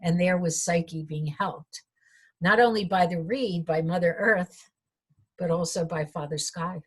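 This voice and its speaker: Woman storyteller, myth told aloud with reflective asides, breathy and a little low. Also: measured pace.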